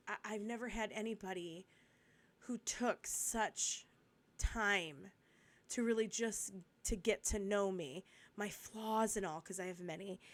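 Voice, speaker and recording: A woman with a cold talks through a Bible study in a casual, chatty way. She rambles, doubles back on herself and adds asides. When she reads the verses she slows down to a careful, steady pace. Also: mid-range voice. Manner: reads scripture slowly and steadily. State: congested with a cold, coughing.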